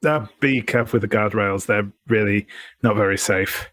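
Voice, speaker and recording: Guy doing an oblivious park ranger, stammery and earnest, low voice, dry sound. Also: normal speed, fairly bright tone, dry recording. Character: oblivious, mild-mannered male park ranger. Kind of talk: tabletop role-play.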